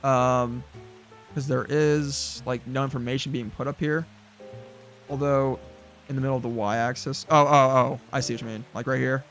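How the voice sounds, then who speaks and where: A man's voice: medium pitch, steady tone, normal speed, a bit bright, soft background music. Rambling young-sounding man streaming a game. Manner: rambling, many fillers and restarts, chuckles. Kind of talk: casual gameplay chat.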